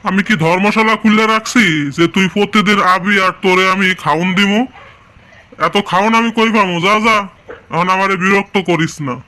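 A man's voice: sits high, steady tone, moderate pace, bright, forceful tone, a little hiss or hum. A man voicing a stingy, irritable village uncle in a cartoon, scolding and dismissive. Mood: annoyed, scolding. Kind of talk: cartoon voice acting. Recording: music behind the voice.

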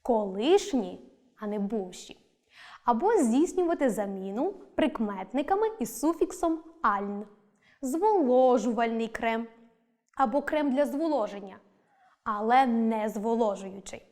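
Teacher, woman, scripted lesson delivery, fairly high pitch, deliberate and clear. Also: animated, darkish tone. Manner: clear, deliberate, stresses each example word.

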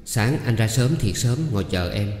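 A tender young lover, voiced by a male audiobook reader. His voice is low and reassuring. It is recorded in an echoey room with a long tail. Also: moderate pace, slight background noise, lightly acted. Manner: gentle, reassuring.

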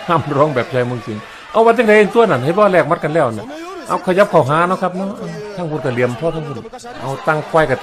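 A man with a Northeastern Thai Isan accent giving humorous play-by-play commentary on a fight, joking, chatty and chuckling often. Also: mid-range voice. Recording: crowd noise from fight footage.

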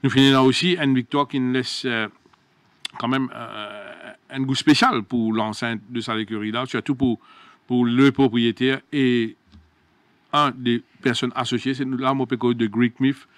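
A man's voice: medium pitch, steady tone, unhurried, no echo. A man hosting a horse racing talk show, searching for words with many restarts.

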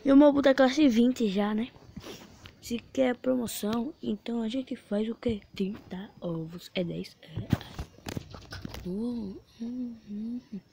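A woman hosting a gaming channel, giving casual commentary while she plays a mobile game. She is excitable, exclaiming loudly and then dropping to whispers as she plays. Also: fairly high pitch, slow, vocal fry, a little hiss or hum.

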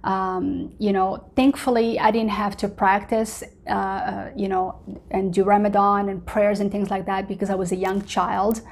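A woman in her forties, Moroccan-born with Arabic as her first language, talks earnestly into a camera at home. She speaks in a chatty, personal testimony style, full of little fillers and restarts. Her voice sits at an ordinary middle pitch. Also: flat delivery, moderate pace, vocal fry. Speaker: host. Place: home living room.

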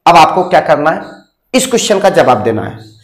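High-voiced male maths teacher. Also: very animated, fairly quick. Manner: quizzes students with rhetorical questions. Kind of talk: classroom lecture. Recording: roomy echo.

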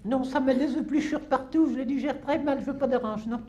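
A man's voice: fairly even intonation, fairly quick, highs cut off. An actor playing a cantankerous, chatty old countrywoman, rambling and scolding in a live comedy sketch. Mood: grumbling. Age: over 70. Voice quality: shrill, quavering, cackling. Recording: live stage with audience laughter and noise.

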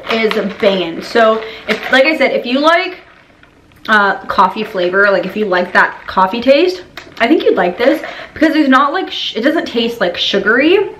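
A woman's voice: on the high side, fairly bright tone, slight background noise, rough recording. A young woman chatting casually to viewers while eating on camera, giggly and full of "like"s. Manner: chatty and giggly, with many "like"s and laughs. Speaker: mukbang vlogger. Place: home room while eating.

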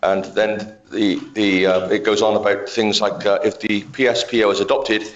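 Hesitant low-voiced man at a meeting. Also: flat delivery, normal speed, dull audio. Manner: hesitant, lots of fillers. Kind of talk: explaining a document at a meeting. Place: council chamber.

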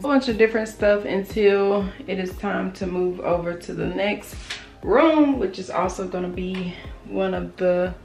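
A woman's voice: fairly low pitch, creaky, a little mellow. A young pregnant woman chatting casually to her viewers in a home vlog, filmed on her phone as she shows things around the house. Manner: chatty, addresses viewers as y'all. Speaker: vlogger. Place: at home indoors. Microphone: handheld phone camera.

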